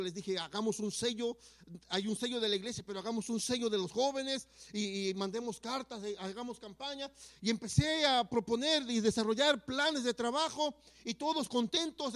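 Man in his fifties, high-pitched, earnest church testimony storyteller. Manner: earnest, swings from hushed to emphatic. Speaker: church member giving testimony.

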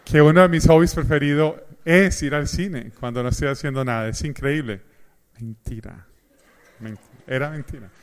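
A middle-aged man preaches to his congregation with lively humor, acting out the dialogue of his stories. His voice sits a little high for a man. He moves easily between teaching and storytelling. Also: a little fast, few pauses, clear, resonant tone. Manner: animated storyteller, acts out dialogue. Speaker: pastor. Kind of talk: sermon with humor.

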